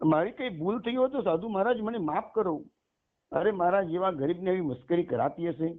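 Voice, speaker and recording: A man's voice: sits high, brisk, voice pushed up, lightly acted. A loyal old servant refuses his mistress with earnest, respectful words, as a male storyteller voices him. His voice sits a little above the teller's own. It comes over a tinny, phone-like line. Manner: pleading, then firm and respectful.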